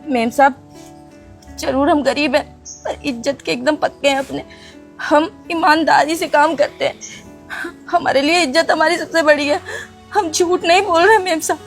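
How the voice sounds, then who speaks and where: A frightened young housemaid in a social-media melodrama, played by a woman, her very high voice breaking into tears. She speaks haltingly and deferentially, with faint music underneath. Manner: crying, hesitant, deferential. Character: poor young female housemaid, timid and tearful. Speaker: maid.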